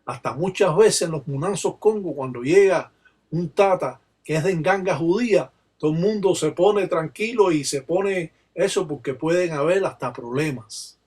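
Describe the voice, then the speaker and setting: A man with a Cuban accent giving a slow, measured, solemn explanation as a religious teacher. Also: fairly high pitch, darkish tone, slightly rough. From Cuba. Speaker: Palo Mayombe religious teacher.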